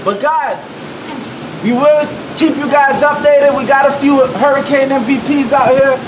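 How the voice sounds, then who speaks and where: Guy with really high voice shouting over wind doing storm updates, noisy outdoor rain. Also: fairly even intonation, measured pace, echoey room. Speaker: amateur storm reporter. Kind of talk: live storm vlog commentary. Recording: loud wind and rain noise.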